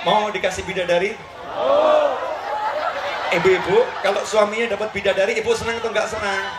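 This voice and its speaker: A man's voice: sits high, flat delivery, brisk, reverberant, a loud crowd, very noisy. A man preaching a humorous sermon to a live audience, playfully teasing the listeners with asides and questions.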